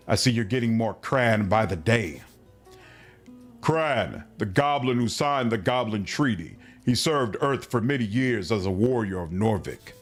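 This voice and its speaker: A man livestreaming a role-playing game, reading its text aloud and reacting wryly. He speaks slowly, and his pitch swings widely. Faint guitar music plays under his voice. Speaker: streamer.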